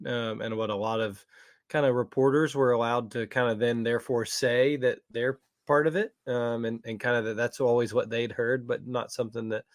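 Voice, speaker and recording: A man's voice: medium pitch, no room sound, clean studio sound. A man, co-hosting a casual sports podcast and speaking hesitantly, with many fillers. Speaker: podcast co-host.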